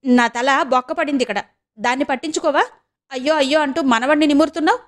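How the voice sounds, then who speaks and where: Brief: defiant teenage girl, shouting, high voice, read by a woman. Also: quick pace, close to an everyday voice. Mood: furious. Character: fiery stubborn teenage girl.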